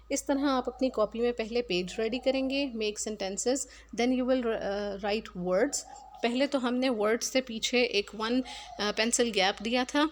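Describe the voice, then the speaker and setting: A woman teacher walks her pupils through a lesson in a fairly high voice, slowly repeating each key word. A faint room hum sits behind her. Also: a bit bright. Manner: slow, explanatory, repeats key words. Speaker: English teacher. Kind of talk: recorded classroom lesson.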